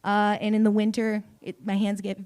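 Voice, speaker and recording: A young woman doing an open mic stand-up set on a small stage, deadpan with sudden loud bursts and giggles. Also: medium pitch, normal speed. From Canada. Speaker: stand-up comedian. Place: small comedy venue on stage.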